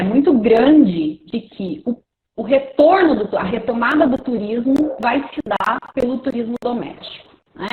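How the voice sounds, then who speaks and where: A woman professor explaining a prepared outline over a video call, hesitant with many fillers and restarts, her audio choppy and cutting out. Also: mid-range voice. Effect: choppy, cutting-out internet call audio. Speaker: professor giving a talk in a webinar. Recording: tinny, echoey, glitchy call line.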